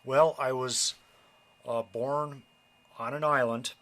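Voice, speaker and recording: Man, late 50s, unhurried oral-history storyteller, bright tone. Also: mid-range voice, fairly even intonation. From New York and Connecticut, USA. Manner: slow, reflective storytelling with many uh fillers. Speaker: interviewee.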